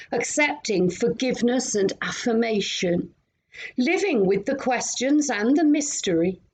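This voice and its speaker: A woman minister at home, leading a gentle, meditative prayer and reflection with long pauses. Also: on the high side, a little hiss or hum, low-quality recording.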